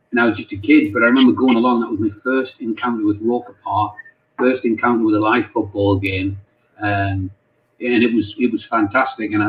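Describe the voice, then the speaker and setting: A North East English man with a fairly low voice talks haltingly, often repeating words, as he gives casual interview answers. He's a football club chaplain, and the call audio sounds tinny, like a phone.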